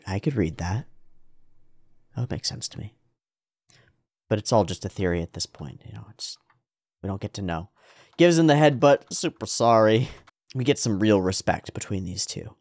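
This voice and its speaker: Deep-voiced man giving animated reaction commentary. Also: dry recording, clean studio sound. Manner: animated, sweary, repeats phrases for emphasis. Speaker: host of an anime reaction show.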